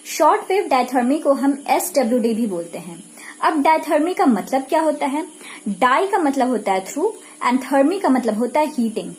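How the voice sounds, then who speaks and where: Mixing Hindi and English, this Indian-accented woman lectures on physiotherapy, repeating points didactically and answering her own questions. She sounds high-pitched and very animated, with a darkish tone and moderate pace. There is slight background noise.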